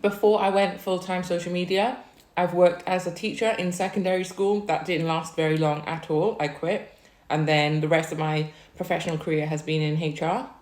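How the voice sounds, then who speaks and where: Speaking in a lowish, steady-toned voice at a moderate pace, a young Welsh woman whose first language is Chinese chats about herself on a casual eating vlog. Between remarks she hums softly while tasting her food, and the audio has reverb.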